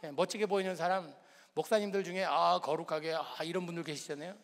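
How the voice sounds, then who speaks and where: A man's voice: on the high side, steady tone, fast talker. Man preaching in a reverberant church. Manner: conversational preaching with rhetorical questions and humor. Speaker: pastor. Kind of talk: sermon. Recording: long reverb of a church hall.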